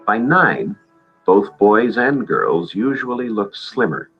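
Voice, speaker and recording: A man giving calm, matter-of-fact scripted narration for an educational film, heard on a dull lo-fi soundtrack. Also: fairly low pitch, slow pace, faint music behind.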